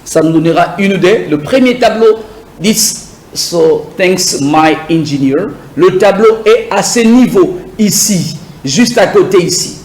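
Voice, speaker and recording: A man teaching a beginner English lesson, drilling words slowly and having viewers repeat after him. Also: sits high, expressive, darkish tone, roomy sound, low-quality recording. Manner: slow, repetitive drilling, asks viewers to repeat.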